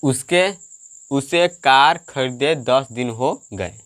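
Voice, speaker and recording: A man's voice: mid-range voice, a bit bright. A man teaching English grammar to a class, repeating questions and answering them himself. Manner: slow, drawn-out delivery.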